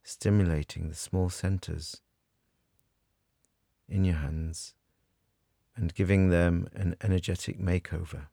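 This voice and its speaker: Very deep, slow, gravelly male meditation guide. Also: fairly even intonation, warm tone, dry recording, studio quality. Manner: soothing, measured, with long pauses. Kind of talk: guided meditation narration, scripted.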